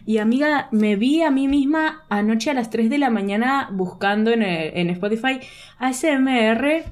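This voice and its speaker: A woman's voice: fairly high pitch, a little slow. A young woman with a Rioplatense Spanish accent, co-hosting a podcast in casual chat, laughing often. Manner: animated, laughing often, chatty. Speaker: podcast co-host.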